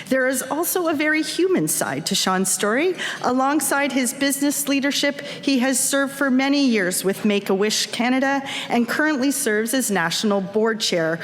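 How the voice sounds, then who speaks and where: A woman hosting an event, reading a formal scripted introduction with polished corporate enthusiasm. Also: a little high. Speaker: event host introducing the keynote speaker. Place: large indoor event hall, on stage. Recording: echoey hall with clear background noise.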